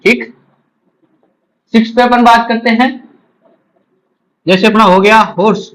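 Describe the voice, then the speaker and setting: A man's voice: high voice, steady tone, measured pace, a bit bright, poor audio. A man teaching English grammar for an exam in Hindi mixed with English terms. He repeats key words and keeps asking the class short check questions. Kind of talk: exam-prep grammar lecture.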